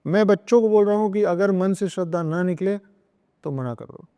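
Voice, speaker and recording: As a podcast guest, a man with a high, dark, clean voice speaks at a moderate pace in a large hall. Earnest and lecturing on spirituality and parenting, he repeats himself for emphasis and slips into English phrases.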